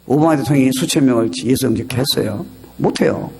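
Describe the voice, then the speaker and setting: A male pastor preaching a sermon, animated and exhorting, who breaks into shouted quotes and slips in English phrases. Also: mid-range voice, quick pace, a little hiss or hum. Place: church.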